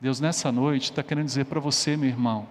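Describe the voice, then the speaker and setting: Pastor preaching with long hall echo. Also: male voice, mid-range voice, steady tone, quick pace. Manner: emphatic, explanatory, rising on exhortations. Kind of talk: sermon with a storytelling illustration. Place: church. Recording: long church reverb.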